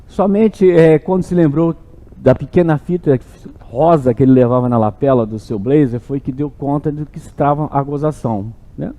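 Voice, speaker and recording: A man's voice: fairly high pitch, normal speed, warm tone. A male gynecologist giving a health talk to an audience at an event, conversational and often checking in with "né?". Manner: conversational, keeps adding "né?" and "tá?". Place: event hall. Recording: long hall reverb.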